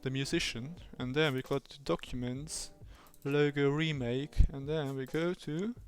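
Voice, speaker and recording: Man, fake British accent, slow unhurried talk, playful rambling self-talk, livestream, faint music underneath. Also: mid-range voice, steady tone, clear, resonant tone. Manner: rambling, playful, talks to himself and the software. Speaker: streamer. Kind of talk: livestream self-talk while doing design work.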